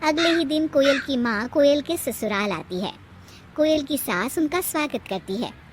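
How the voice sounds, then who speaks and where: A woman telling a cartoon story in a lively way. Her voice sits high, and a faint noise runs underneath it. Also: measured pace. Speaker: narrator. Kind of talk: storybook narration.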